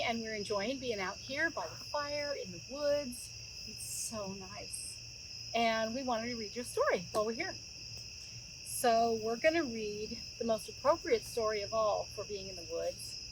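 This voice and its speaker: A middle-aged woman leads a children's story time outdoors by a woodland campfire, speaking conversationally and addressing the kids with questions. She talks a little slowly in a slightly high voice. The recording picks up clear insect noise, with crickets in the outdoor background.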